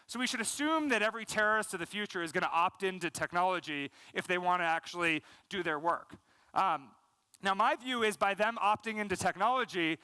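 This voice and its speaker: High and smooth, the voice of an American man in his thirties carries a conference keynote on a large stage, fluent but laced with "um" and "you know." He's energetic, gesturing as he speaks. His headset mic catches no room sound, but the recording is low quality.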